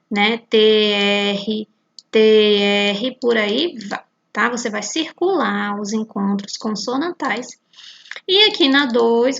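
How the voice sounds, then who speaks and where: Slow, gravelly-voiced woman teacher. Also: a little high, fairly bright tone, lo-fi sound. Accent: Brazilian Portuguese. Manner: slow, patient, counting aloud step by step. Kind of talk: recorded classroom lesson explaining worksheets.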